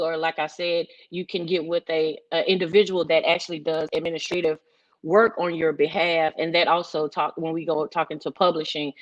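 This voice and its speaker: On a muffled recording, a middle-aged woman from Memphis, Tennessee, speaks in a lowish voice. She's a music executive on a workshop panel, explaining things emphatically in an informal presentation.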